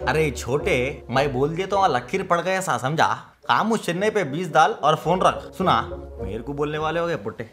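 A man with a Hyderabadi accent acting in a comedy sketch, talking in an excitable, pleading way. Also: a little high, moderate pace, faint music behind. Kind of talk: comic sketch in Hyderabadi Hindi.

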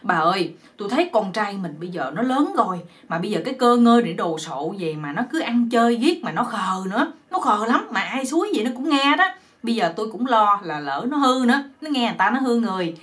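A woman's voice: mid-range voice, expressive, a little fast, natural voice. A woman with a Southern Vietnamese accent voicing a worried rich old village father in a fretful, earnest way.

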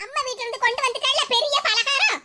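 A greedy old mother-in-law in a cartoon, voiced by a woman, always scolding and grumbling. Her voice sits very high and the words tumble out fast. She speaks with a lilt. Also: expressive, fairly bright tone. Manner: scolding, nagging. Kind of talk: cartoon voice acting.

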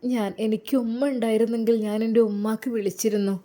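A woman voices a lonely, orphaned young bride in a spoken story drama. She sits higher than the performer's own voice, with a mellow, warm tone. Her speech is hesitant and halting, and she stays timid and tearful. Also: fairly even intonation, close to an everyday voice.

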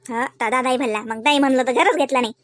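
In a family cartoon, a woman voices chatty, homely village women with a rural Varhadi Marathi accent from Vidarbha, gossiping colloquially with drawn-out kinship exclamations. Her natural voice sits high, with no echo.

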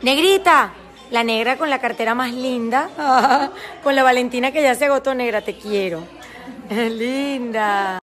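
Soft music plays as a woman with a fairly high, fairly bright voice talks at a measured pace in a casual Instagram story. Gushing and promotional, she shows followers her busy indoor store event on a phone she holds herself, with a chattering crowd behind.

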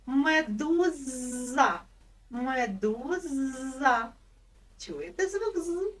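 Woman teacher sounding out words slowly. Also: on the high side, recorded from a distance, rough recording. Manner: slow, drawn-out word sounding for small children; gentle, encouraging teacher tone. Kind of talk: online lesson for young children.

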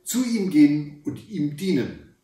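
A man voicing an old fairy-tale prince speaking to his daughters, measured and fatherly. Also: fairly high pitch, lively intonation, mellow. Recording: echoey room, far from the mic.

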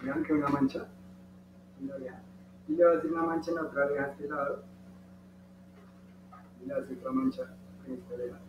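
A man's voice: medium pitch, little pitch movement, a little fast, long pauses. A man with a Colombian Spanish accent patiently guiding children through an origami dog step by step, encouraging them as he goes. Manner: patient, encouraging, talks to the kids directly. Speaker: origami instructor. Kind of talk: step-by-step craft tutorial for children. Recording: distant, roomy and dull with faint hum.

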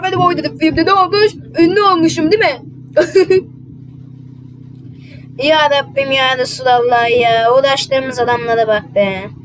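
Woman, high voice, casual game roleplay, exasperated muttering, faint noise behind. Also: poor audio. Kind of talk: casual game roleplay, voicing several characters.

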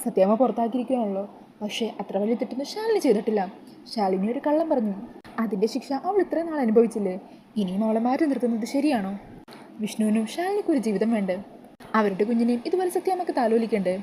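Woman voicing a calm persuasive young man. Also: a little high, slight background noise, close to an everyday voice. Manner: reasoning, persuasive.

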